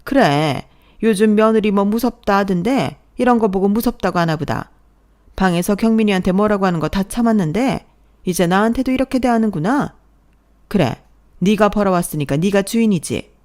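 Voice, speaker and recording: A woman's voice: fairly low pitch, lively intonation, moderate pace, a little mellow, lightly acted. A woman voicing a nagging, sarcastic older mother-in-law who scolds as she speaks.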